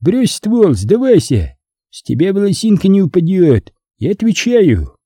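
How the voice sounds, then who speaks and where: A brash enemy commander , put on by a male narrator, yells his demands in a raised, lively voice full of swagger. The sound stays dark and husky underneath, recorded close and dry with no room around it. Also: moderate pace, no room sound, full character voice. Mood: jeering. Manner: shouting, raised pitch. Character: cheerful cocky male enemy commander, bossy.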